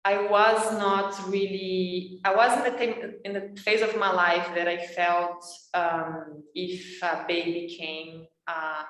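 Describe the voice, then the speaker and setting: Brief: Brazilian woman around forty, non-native English, lowish voice, hunts for words, recorded in an echoey room on a video call. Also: little pitch movement, slow, hardly any pauses, a bit bright. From southern Brazil. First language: Portuguese. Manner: searches for English words, fillers, laughs often. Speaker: guest. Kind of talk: casual video-call interview.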